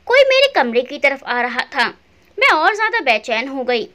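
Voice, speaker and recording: A woman narrating a first-person family story, plaintive and full of feeling. Her high voice rises and falls in a very lively melody. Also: moderate pace. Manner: emotional, plaintive.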